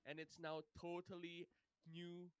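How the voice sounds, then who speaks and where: Upbeat guy hosting a stream panel, smooth clean voice, dry close sound. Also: high-pitched, monotone, a little slow, no room sound. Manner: upbeat, hypes up guests. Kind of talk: hosting a live panel show.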